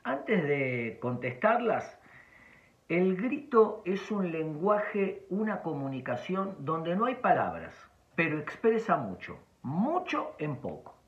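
A man with an Argentine accent giving a calm, explanatory advice talk. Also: on the high side. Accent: Argentine Spanish. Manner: calm, explanatory, varied emphasis. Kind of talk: talking-head advice talk. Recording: dull lo-fi sound.

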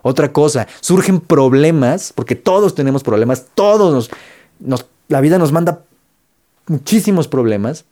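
Speaking at a moderate pace with lively intonation, a motivational vlogger with a Mexican Spanish accent addresses the camera in his fairly high, dark-toned voice. His talk is casual and conversational, full of slang and phrases he repeats to drive points home.

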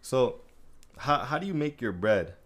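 A man hosting a podcast, chatting casually in heavy slang and telling animated stories. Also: mid-range voice, unhurried. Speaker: podcast host. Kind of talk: casual chat.

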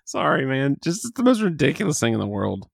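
A man's voice: medium pitch, sing-song, a little fast, creaky, no echo, studio quality. A man chatting casually about a movie he just watched, rambling and cutting himself off, with the hiccups. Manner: rambling, self-interrupting, candid. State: has the hiccups. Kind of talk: casual movie review chat.

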